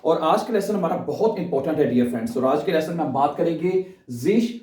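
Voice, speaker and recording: A man's voice: on the high side, animated, darkish tone. Man teaching German, echoey distant sound. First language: Urdu. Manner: repeats German phrases slowly, says "ठीक है" often. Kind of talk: spoken language lesson. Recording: echoey room, voice from far off.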